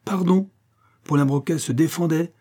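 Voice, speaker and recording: A man's voice: fairly high pitch, moderate pace, warm tone, pitched above the performer's own voice, lightly acted. A man reading the part of a proud, indignant Japanese baron in an audiobook, in a declaiming, oratorical manner. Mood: indignant oratory.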